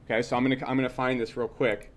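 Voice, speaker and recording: A software instructor with a medium-pitched, fairly flat voice races through a casual screen-share tutorial. His talk is blunt and conversational, full of repetition and short check-in tags, and he's opinionated with plenty of swearing.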